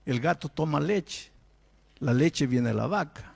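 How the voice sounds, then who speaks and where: A male pastor preaches with a high, bright voice that climbs and drops widely. He acts out the voices of ordinary people to drive home his points, and he keeps firing rhetorical questions at the congregation. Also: lively intonation, unhurried, vocal fry. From Peru. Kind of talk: sermon.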